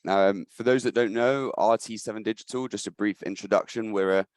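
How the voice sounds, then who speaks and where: A man's voice: fairly low pitch, steady tone, fairly quick, a little mellow, smooth, no echo, clean studio sound. A man presenting a business webinar on a call, his voice slightly scratchy, with frequent ums and restarts. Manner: hesitant, many ums and restarts. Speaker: webinar presenter, agency director.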